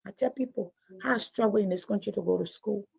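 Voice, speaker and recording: Her medium-pitched voice is brisk, creaky, and darkish with a breathy edge. She's a Liberian-accented teacher and ex-radio host giving a fervent public talk, frequently stressing points by repeating words.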